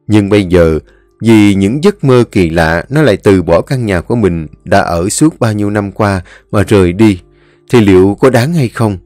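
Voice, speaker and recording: Low-voiced man narrating a ghost story. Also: expressive, moderate pace, a little mellow, no room sound, faint music behind.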